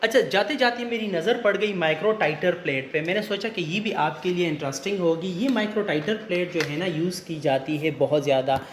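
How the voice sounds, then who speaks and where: Man, relaxed explainer on a phone-filmed lab tour; strong room echo. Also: sits high, fairly quick, hardly any pauses. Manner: relaxed, repeats "theek hai na", explains step by step. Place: research lab, indoors. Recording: very echoey lab room, faint hum.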